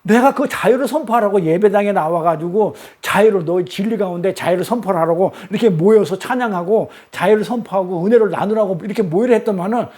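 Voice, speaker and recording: A man's voice: sits high, fast, few pauses, darkish tone. A man preaching a Sunday sermon, emphatic and repetitive, talking straight to the congregation.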